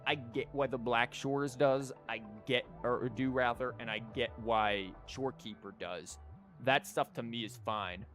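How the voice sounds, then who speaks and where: A video game streamer rambles through casual livestream commentary, thinking aloud with false starts. His mid-range voice is steady, unhurried and fairly bright, with faint music playing behind him.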